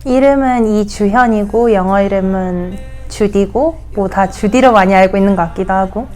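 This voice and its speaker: A nineteen-year-old woman answering interview questions candidly, in quick bursts. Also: medium pitch, a little mellow, faint music behind. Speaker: student interviewee.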